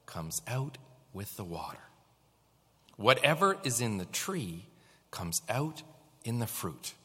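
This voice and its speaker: A man's voice: medium pitch, sharp tone. A man preaching a sermon as pastor, asking the congregation rhetorical questions. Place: church sanctuary. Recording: long reverb of a church hall.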